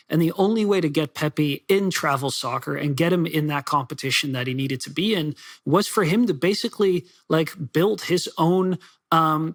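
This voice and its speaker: Male author guest, raised in Belgium, rapid chatty answers, a bit higher pitch. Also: fairly bright tone. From Netherlands and Belgium. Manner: fast, chatty, with many fillers and restarts. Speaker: soccer writer and author. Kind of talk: podcast interview.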